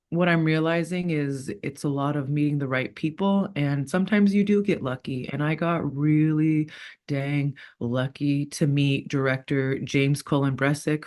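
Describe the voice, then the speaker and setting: A woman in her thirties, a former fighter turned actor, talking casually in an interview and rambling with frequent laughs. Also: low voice. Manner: chatty, rambling, laughs often.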